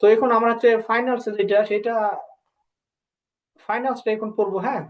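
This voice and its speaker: A Bengali-speaking woman teaching a language lesson, often pausing with filler sounds and slowly drilling syllables one by one. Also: on the high side, fairly even intonation. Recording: dull lo-fi recording.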